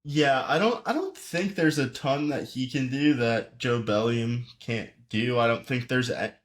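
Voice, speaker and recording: A man's voice: medium pitch, measured pace. Man, podcast co-host, casual chat, blunt, joking, mid-range voice.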